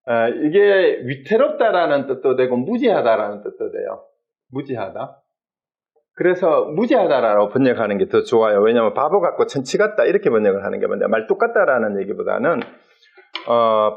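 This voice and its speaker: A man lecturing on Buddhist texts, explaining terms step by step and acting out quoted exchanges. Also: medium pitch. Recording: dull lo-fi sound.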